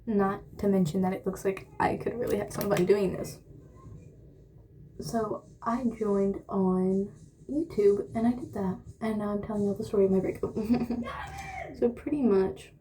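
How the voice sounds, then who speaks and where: A woman's voice: medium pitch, steady tone, moderate pace, warm tone, slight background noise. A woman vlogger chatting casually through a storytime while doing her makeup. She exclaims often and keeps slipping into whispers.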